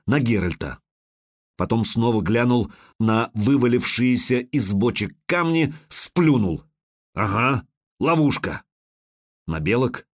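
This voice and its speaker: Man, audiobook narrator, dramatic fantasy reading, medium pitch, dead-dry studio sound. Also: darkish tone, dry recording.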